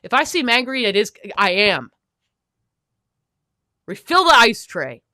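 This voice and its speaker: A woman's voice: medium pitch, expressive, sharp tone, no echo, studio quality. A woman hosting a comedy podcast as a fussy, intense perfectionist who lectures emphatically into a podcast microphone. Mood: indignant. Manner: fussy, emphatic, lecturing, quick to get heated. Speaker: podcast host in character.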